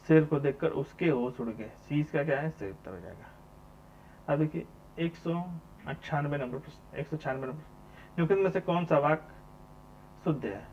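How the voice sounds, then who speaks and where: A man's voice: on the high side, darkish tone. Man teaching, repeating each question. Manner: repeats each question number, asks and answers himself. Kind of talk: exam answer walkthrough. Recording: dull lo-fi sound with mains hum.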